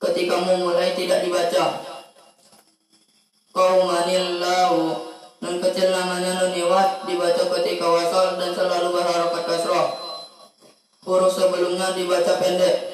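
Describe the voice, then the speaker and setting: Male student, high monotone, rote rapid recitation with chanted Arabic terms; distant mic in a very echoey room. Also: faint music behind. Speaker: student taking an oral exam. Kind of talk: reciting memorized recitation rules.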